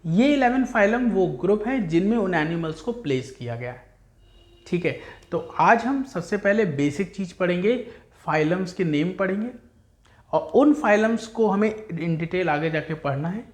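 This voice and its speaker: A male teacher giving a classroom lecture, drilling terms by slow repetition and calling students "beta". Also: high-pitched, lively intonation, echoey room.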